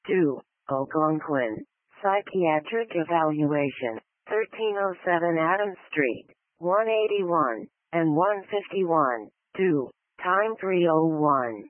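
Female dispatch announcer, slow and formulaic, clipped phrase by phrase, on dry narrowband scanner audio. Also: low-pitched, lively intonation, dry recording. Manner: formulaic, each detail read in separate short phrases. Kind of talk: scripted radio dispatch announcement.

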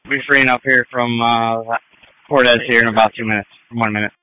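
A man working as a fire officer, giving brisk, matter-of-fact reports over two-way radio. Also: medium pitch, steady tone, pushed and bright, smooth, no room sound, poor audio.

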